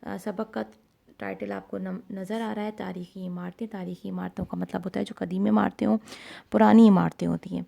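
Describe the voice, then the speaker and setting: Woman, tutor, mellow dark tone, gravelly, slow explaining with fillers. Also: mid-range voice, steady tone. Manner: explains slowly with many fillers, mixes English words. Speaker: Urdu tutor. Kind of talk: online class lesson.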